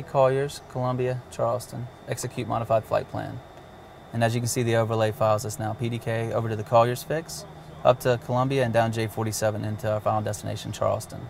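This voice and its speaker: Medium in pitch and creaky, his voice comes with a little hiss or hum. As an avionics demonstrator, the man casually goes through a cockpit navigation system step by step, keeping it plain and using occasional fillers.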